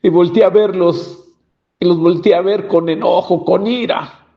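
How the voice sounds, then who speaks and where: A man's voice: sits high, steady tone, a little slow. A man giving a personal testimony about his childhood and often acting out the dialogue. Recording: dull lo-fi recording.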